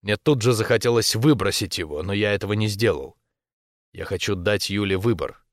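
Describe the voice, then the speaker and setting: A man narrating a first-person romance novel as an audiobook, in a steady, intimate storytelling voice. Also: fairly low pitch, fairly quick, no room sound, clean studio sound.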